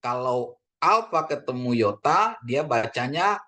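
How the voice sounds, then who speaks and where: A man from Indonesia teaching a casual Greek language lesson, slowly drawing out words for learners and addressing them politely, with many fillers. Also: medium pitch, lively intonation. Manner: drawn-out repetition of words, frequent fillers; addresses listeners as ladies and gentlemen.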